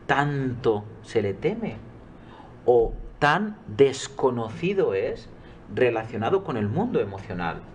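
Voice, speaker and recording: A man's voice: medium pitch, a little hiss or hum. A middle-aged man, a coach, answering interview questions earnestly and emphatically. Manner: earnest, emphatic, quotes his own dialogues.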